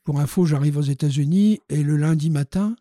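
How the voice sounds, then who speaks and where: An older man from France tells animated stories as an interview guest. He laughs often and hesitates with fillers, in a fairly high but mellow voice. The close mic gives a dry sound. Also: brisk, no echo. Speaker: guest, dental surgeon. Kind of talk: casual storytelling interview.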